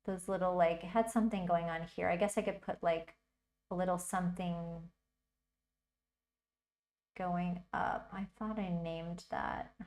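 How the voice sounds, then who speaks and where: A woman's voice: on the low side, steady tone, measured pace, long pauses, darkish tone. Chatty woman thinking aloud while working. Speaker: livestream host teaching digital art. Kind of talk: casual livestream tutorial.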